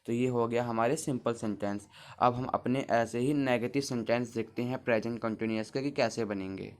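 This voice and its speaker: Male teacher, mid-pitched, patient, spells words out, talks to kids at the board. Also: brisk, darkish tone. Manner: patient, explains step by step, spells words out letter by letter; talks to the class as children. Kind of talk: Hindi grammar lesson at a board.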